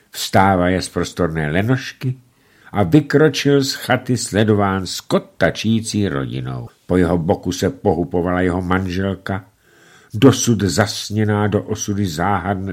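A man narrating a humorous story in an expressive, playful, ironic reading style. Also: low voice. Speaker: audiobook narrator.

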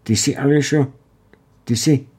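A man's voice: mid-range voice, steady tone, a little mellow, breathy edge, pitched above the performer's own voice. A man voicing a badly wounded young airman on a stretcher, speaking weakly and tearfully in gratitude. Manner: weak, tearful and grateful. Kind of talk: audiobook character voice.

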